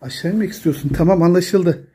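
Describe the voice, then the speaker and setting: A man talking casually at home, pleading and gently scolding with repeated short commands to calm down. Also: high voice, fairly quick, noisy background. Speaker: father filming his daughter at play.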